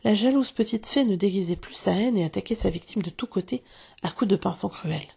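Woman storyteller, husky, gravelly, dark, hushed and dramatic. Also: medium pitch, fairly quick. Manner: hushed, dramatic, often whispering. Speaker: narrator. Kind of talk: storybook reading.

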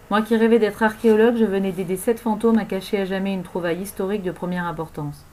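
A woman narrating a novel aloud in an expressive storytelling manner. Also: fairly low pitch, low-quality recording. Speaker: audiobook narrator.

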